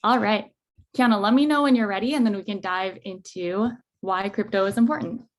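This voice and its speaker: A woman's voice: medium pitch, brisk. A woman co-hosting a webinar over a remote call microphone, talking in a friendly, casual way with many ums. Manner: friendly, filler-heavy. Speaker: webinar co-host, product manager.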